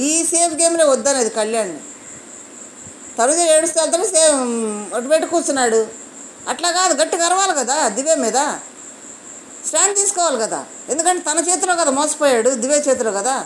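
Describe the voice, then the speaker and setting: Woman reviewer, high voice, indignant, rhetorical; crickets faint behind. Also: expressive, a little fast, pauses often, a little hiss or hum, low-quality recording. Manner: indignant, fires off rhetorical questions. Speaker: reality show reviewer. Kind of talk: opinionated show review.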